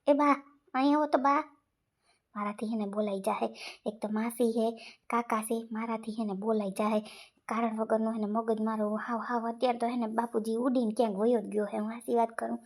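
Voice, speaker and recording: A woman playing a hot-tempered grown son who rants in an exasperated way. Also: a little high. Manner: exasperated, fast ranting.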